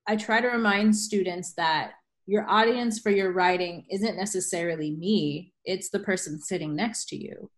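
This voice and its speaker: A woman writing teacher talking on a podcast, emphatic and full of rhetorical questions, often tagging "right?". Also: lowish voice. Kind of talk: podcast conversation.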